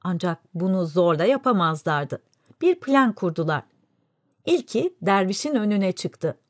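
A woman narrating a folk fable in a clear, even storytelling delivery. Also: medium pitch, measured pace, no room sound, clean studio sound. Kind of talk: scripted fairy-tale narration.

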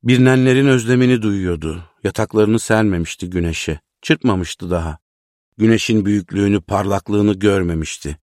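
Deep male narrator, measured literary reading, very dry close sound. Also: a little mellow, no echo. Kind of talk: storybook reading.

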